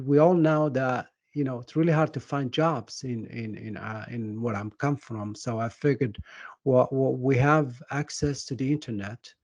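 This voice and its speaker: A middle-aged man with a Moroccan accent presents a career webinar, speaking earnestly while stumbling over fillers and repeated starts. His voice sits at an ordinary pitch and sounds close and dry. The audio is dull and lo-fi, like a video call. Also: darkish tone, no echo. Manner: earnest, halting with many fillers and restarts. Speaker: webinar speaker and project management coach.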